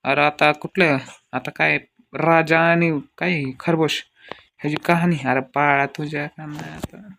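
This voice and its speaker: Gravelly excitable gameplay commentator, man. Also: a little high, measured pace, slight background noise. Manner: excitable, crude comic scolding.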